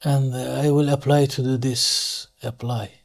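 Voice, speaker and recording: In a mid-range, creaky voice with little pitch movement, a native Turkish speaker with a Turkish accent walks through an engineering software program step by step in an unscripted screen-share tutorial. He hesitates as he reasons aloud and keeps correcting himself.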